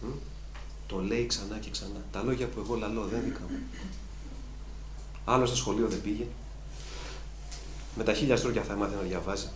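A man's voice: fairly low pitch, fairly even intonation, long pauses. Man, preacher, sermon, emphatic, repeats phrases, echoey room, faint background hum. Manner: emphatic, repetitive, rising to fervent peaks.

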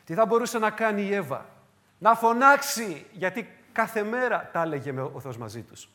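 A man preaching a sermon, swinging between loud cries and hushed low phrases, with repeated emphatic questions. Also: animated. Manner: repetitive, emphatic rhetorical questions.

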